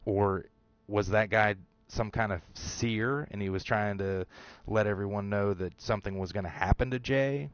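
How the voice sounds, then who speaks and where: Deep-voiced man musing over a TV episode. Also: normal speed, few pauses, smooth, dry recording, dull audio. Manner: speculative, rambling with fillers and restarts. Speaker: show host. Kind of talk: casual commentary on a TV episode.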